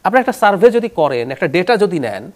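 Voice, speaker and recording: A man giving political commentary as a talk show guest, his voice sitting high and swinging widely up and down. He lays out his arguments in an explanatory, animated way and slips English terms into his sentences. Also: fast talker.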